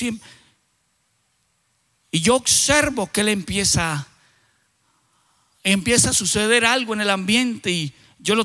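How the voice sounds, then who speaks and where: A man pastor from Colombia telling a dramatic story in a sermon, with halting restarts and sudden loud bursts. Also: extremely high pitch, long reverb tail.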